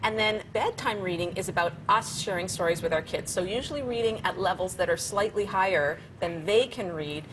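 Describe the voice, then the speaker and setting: Woman expert chatting in an interview, encouraging and practical, mid pitch, rumbly background noise. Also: lively intonation, brisk, hardly any pauses. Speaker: parenting expert guest. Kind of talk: conversational explanatory interview.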